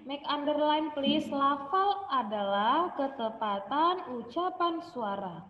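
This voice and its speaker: A woman teaching a class over a video call, speaking slowly and clearly, switching between Indonesian and English. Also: high voice, expressive, slight background noise. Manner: slow, clear, over-articulated teacher talk with frequent English prompts. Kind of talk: online class instruction, mixing Indonesian and English. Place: home room on a video call. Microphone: laptop mic on a video call. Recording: muffled echoey video call audio.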